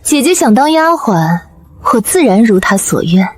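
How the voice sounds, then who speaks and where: A cunning young noblewoman, played by a woman, mocking her enemies in a calm, measured voice. The tone is somewhat high and husky, with a lively lilt that carries a quiet sneer. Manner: cool, mocking and composed. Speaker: narrator and lead. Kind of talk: period short drama acting with narration.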